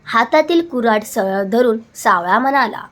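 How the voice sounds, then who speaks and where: A woman storyteller narrating a folk tale in a measured, dramatic reading style. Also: on the high side, expressive, fairly bright tone.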